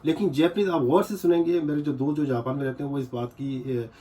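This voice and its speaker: A man teaching a casual lesson, slowly explaining and repeating syllables again and again. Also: fairly high pitch, fairly even intonation, warm tone. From Pakistan. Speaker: language teacher.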